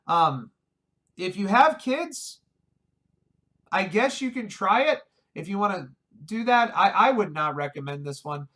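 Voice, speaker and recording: A man's voice: high-pitched, animated, measured pace, pushed and bright. A man giving a casual video review of a film, wry and exasperated, often restarting his sentences. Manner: wry, exasperated, talks over himself with restarts.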